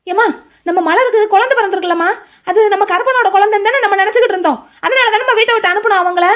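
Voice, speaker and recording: Casting: a woman playing a shrill, excitable young college guy who rambles loudly. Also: racing. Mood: agitated. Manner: loud, pleading, rambling.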